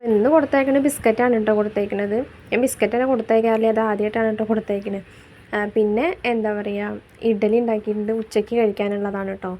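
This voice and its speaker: This vlogger mom from Kerala, India talks through her household chores in a chatty voice-over made separately, softly adding "you know" to her sentences. Her medium-pitched voice is level and fast, with a bit of hiss or hum underneath.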